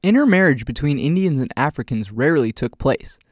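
A male podcast host reads from a prepared script at a steady, even clip. His voice sits at a middling pitch. It is recorded dry and close, with no room sound at all. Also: brisk, no room sound. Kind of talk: scripted narration.

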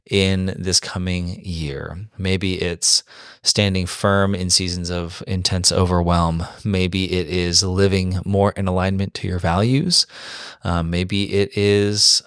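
Relaxed man co-host, lowish voice, dry close sound. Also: no room sound. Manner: relaxed, rambling with fillers. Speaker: podcast co-host. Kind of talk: casual chat.

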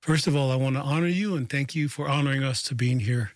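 A male radio host speaking slowly and thoughtfully, often repeating words as he searches for the next phrase. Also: mid-range voice, no room sound. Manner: slow, searching, repeats words while thinking. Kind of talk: radio interview.

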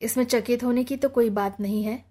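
A reserved, courteous young man from an audiobook novel, speaking in formal, measured phrases, as a woman reader voices him in her own fairly high voice. The delivery stays close to the reader's natural tone. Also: fairly even intonation, mellow, close to an everyday voice.

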